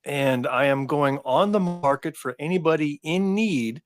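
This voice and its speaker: A man's voice: a little high, unhurried. A man in his fifties, co-hosting a podcast in casual chat and telling rambling, anecdotal stories. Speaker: podcast co-host.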